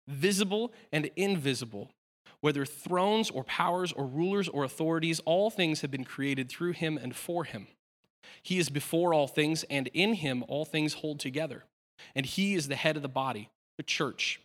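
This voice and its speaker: A man's voice: fairly high pitch, a bit bright, long reverb tail. A man in his thirties preaching a sermon in a casual, self-deprecating way, with plenty of fillers and restarts. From United States. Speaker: pastor.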